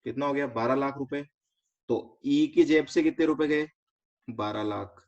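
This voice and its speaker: A man with an Indian accent teaching a finance lesson step by step, quizzing students and mixing in English terms. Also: medium pitch. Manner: explains step by step, asks students quick check questions; mixes English terms into explanation. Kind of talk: online class lecture. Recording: slightly dull lo-fi recording.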